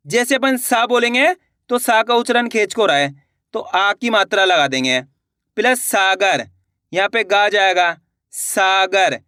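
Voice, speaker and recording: A man's voice: sits high, pushed and bright, smooth, no echo, clean studio sound. A man teaching children's reading, drawing out each syllable and quizzing the viewer as he writes words out. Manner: slow, drawn-out spelling of syllables, quizzing the viewer. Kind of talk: Hindi reading lesson.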